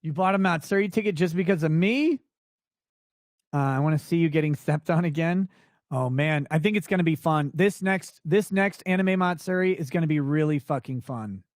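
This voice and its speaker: Recorded dry with clean studio sound, a man at a moderate pace hosts a laid-back late-night stream. His voice is not deep, and he handles viewer questions by reading them out and replying in a coarse, profanity-laced, straightforward way.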